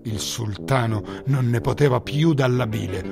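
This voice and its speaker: A man reading a children's story aloud in a lively, theatrical storytelling manner. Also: medium pitch, normal speed, vocal fry. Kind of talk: scripted story narration. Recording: music bed under narration.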